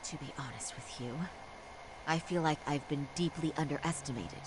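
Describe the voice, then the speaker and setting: In dramatic English voice acting for a crime drama game, an actress plays a composed, steely woman lawyer with quiet indignation. Her low, natural voice moves at a moderate pace, formal and precise, sounding indignant and resolute over some background noise.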